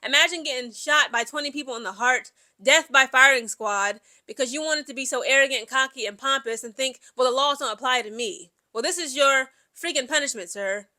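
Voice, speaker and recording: High, bright-voiced woman ranting bluntly. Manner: blunt, emphatic, exasperated; drawn-out stressed words, repeats for emphasis. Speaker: commentary vlogger. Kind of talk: opinion commentary rant.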